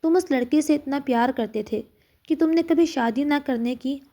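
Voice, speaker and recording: Resentful young widow for an audio story, voiced by a woman, high and soft, tearful pleading. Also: normal speed, close to an everyday voice.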